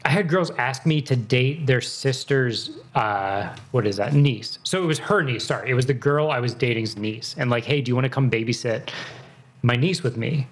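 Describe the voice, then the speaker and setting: A man in his thirties with a mid-range voice chats casually at a normal pace. He rambles, corrects himself mid-sentence, and swears often.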